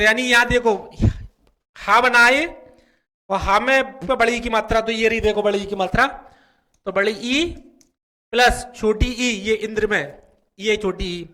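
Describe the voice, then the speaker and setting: A man's voice: high voice, bright, forceful tone. A man with a North Indian Hindi accent teaching a grammar lesson, explaining step by step and repeating each point. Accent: Hindi-speaking North Indian. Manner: slow, repetitive explaining with frequent "ठीक है".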